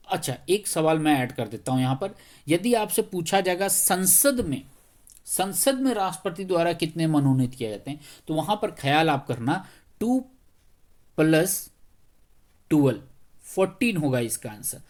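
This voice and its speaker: A male teacher, a little under the weather, talking slowly through exam questions in a conversational way and often checking whether students follow. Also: fairly high pitch, a little mellow. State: slightly unwell, speaking slowly.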